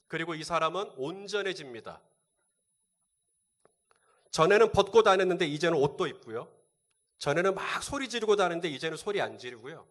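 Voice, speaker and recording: A man preaches from the pulpit as a pastor. His voice sits a little high for a man. He keeps putting questions to his congregation and then answering them. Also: a bit bright. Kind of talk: sermon.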